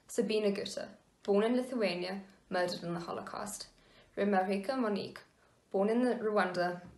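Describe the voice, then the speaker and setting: A young woman from South Africa reads memorial names one by one in a careful, measured way. Her voice has a middle pitch. The room adds a clear echo. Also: darkish tone. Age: young adult. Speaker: memorial reader. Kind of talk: solemn reading of victims' names. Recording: echoey room.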